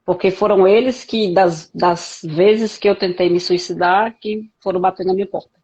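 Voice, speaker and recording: A woman from Brazil, a podcast guest telling her life story frankly in a halting way, with many restarts. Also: medium pitch, steady tone, darkish tone, slightly rough, highs cut off. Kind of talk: candid conversational interview.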